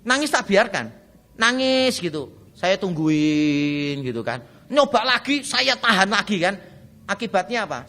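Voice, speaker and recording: A man teaching a parenting seminar in with a light tinge. His voice is bright and ringing, and his tone is casual and humorous. He speaks to the room directly, as if chatting with the parents in front of him. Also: sits high. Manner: chatty and humorous, addresses audience as brothers and sisters. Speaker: pastor.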